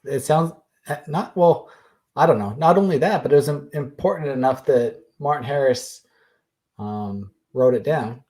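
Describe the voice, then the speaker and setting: A man's voice: medium pitch, moderate pace, warm tone. A man co-hosting a podcast in casual chat, easygoing and stumbling over his words now and then. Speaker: podcast co-host.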